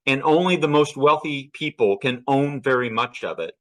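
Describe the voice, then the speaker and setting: A man's voice: mid-range voice, moderate pace, fairly bright tone, poor audio. A man giving a slide lecture on archaeology, asking questions and answering them himself as he explains.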